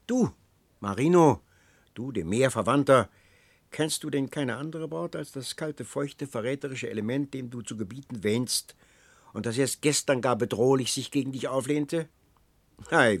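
A man's voice: medium pitch, dry recording, close to an everyday voice. A man reading as a coaxing old counselor. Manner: ornate, coaxing persuasion. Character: old male counselor, persuasive and flattering.

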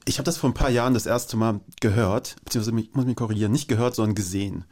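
Speaking quickly in a fairly low, darkish voice, an Afghan man chats as a guest on a casual radio show. He is enthusiastic at first, then grows thoughtful and reflective.

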